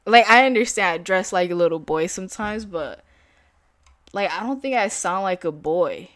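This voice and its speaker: Her voice is medium in pitch, expressive and fairly bright, delivered at a normal speed with no echo. She's a young day trader livestreaming her trades, chatting informally with viewers in a slang-filled, filler-heavy way.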